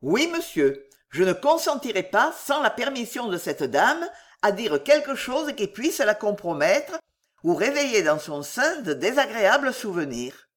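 A woman voicing a dignified old gentleman in an audiobook, firm, formal and courteous. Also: on the high side, big pitch swings, measured pace. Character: dignified elderly gentleman philosopher, earnest. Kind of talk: audiobook character reading.

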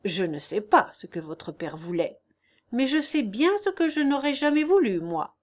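A woman's voice: fairly high pitch, very animated, normal speed. A woman reading the part of an old, proud, hearty peasant carpenter man in an audiobook, in an emphatic, exclamatory manner.

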